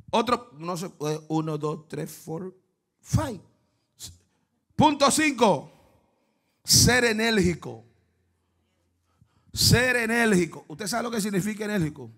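A man preaching a fervent sermon, dropping to hushed asides and then breaking into shouts while he quizzes the congregation. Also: high-pitched. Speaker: pastor. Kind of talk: lively Pentecostal sermon.

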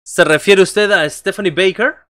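A man's voice: high-pitched, normal speed, bright, forceful tone, no echo, studio quality. A man in his thirties doing casual wrestling commentary on a livestream, joking and conversational as he talks with viewers. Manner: joking, conversational, reacting to chat and calling moves. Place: small bedroom, indoors.

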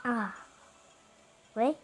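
A woman hosting her own gameplay video with casual commentary, talking in a playful, cutesy way and often muttering or exclaiming to herself. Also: very slow. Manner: cutesy, playful greetings with little singsong interjections; mutters and exclaims to self while playing.

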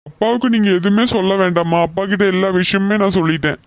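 A woman doing a gentle, patient cartoon son. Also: medium pitch, quick pace, dry recording, highs cut off, voice pushed down, natural voice. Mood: gentle reasoning. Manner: soothing, patient, persuasive. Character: calm young man, gentle reasoning son. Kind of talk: cartoon voice acting.

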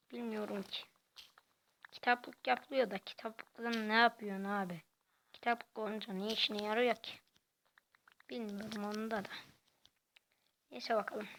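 A woman giving casual, quiet gameplay commentary in a soft, halting way. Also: on the high side, fairly even intonation, a little hiss or hum. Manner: talks quietly and softly; halting, hesitant delivery. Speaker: gaming channel host.

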